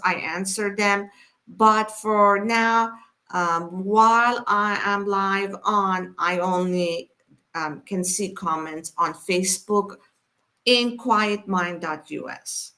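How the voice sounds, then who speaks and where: Born in Iran, this woman hosts a weekly inspirational live stream, chatting casually and directly to viewers. Her mid-range voice sounds pushed and bright, and she takes her time, dropping in lots of fillers.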